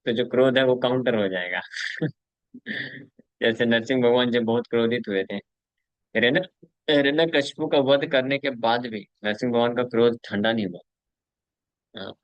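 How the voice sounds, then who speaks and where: A man teaching a scripture class, telling devotional stories with animated storytelling and chuckles between his points. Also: mid-range voice, moderate pace, pauses often, no echo, muffled recording. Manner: animated storyteller who acts out quotes.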